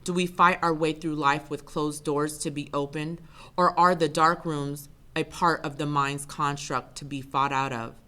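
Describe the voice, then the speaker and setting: A woman giving an intense, measured first-person spoken word performance. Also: sits low, steady tone, a bit bright.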